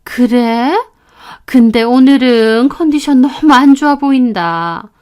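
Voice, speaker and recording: A woman acts out a hypocritical woman teacher in a spoken story drama. Her voice sits high and she talks in a soft, coaxing way that hardens into scolding. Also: slow pace, smooth. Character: hypocritical female academy teacher, sweet turning menacing. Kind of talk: acted story dialogue.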